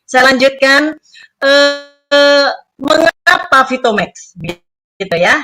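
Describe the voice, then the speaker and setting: A woman's voice: high-pitched, lively intonation, slow pace, fairly bright tone, faint music behind. A woman nutritionist presenting with slides over an online call, her audio choppy and glitchy, cutting in and out. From Indonesia. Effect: choppy glitchy audio dropping out over an online call. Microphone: remote call connection.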